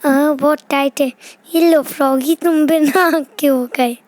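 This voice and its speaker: A mischievous little boy schemes under his breath in a very high, childish voice. He talks slowly and slyly, and the sound is close and dry. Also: fairly even intonation, a little mellow, no room sound. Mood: sneaky. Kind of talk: toy doll play voice-over.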